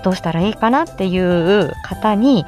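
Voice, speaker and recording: On an informal livestream with soft music behind her, a speech therapist and amateur voice actor explains how to make voice samples. Her medium-pitched voice has lively intonation, normal speed, and a slightly mellow quality, and she chats freely, greeting listeners by name.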